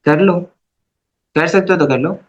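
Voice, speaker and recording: A man's voice: on the high side, a little slow, lo-fi sound. A man teaching an Arabic grammar class, explaining patiently and often checking in with his students. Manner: patient, repeats "okay" to check understanding. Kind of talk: online class lecture.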